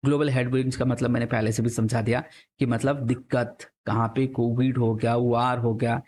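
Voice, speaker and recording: A young man leads an exam-prep lecture in a casual, talkative way, speaking at an ordinary middle pitch. He often drops English terms into his explanations and keeps checking in with his students through rhetorical questions. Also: a little mellow. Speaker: exam coaching teacher. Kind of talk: classroom lecture.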